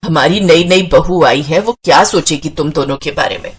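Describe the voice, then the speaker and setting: A woman voicing an older mother-in-law in a cartoon story, speaking in a measured, motherly way. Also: sits low, breathy edge, pitched below the performer's own voice. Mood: firm.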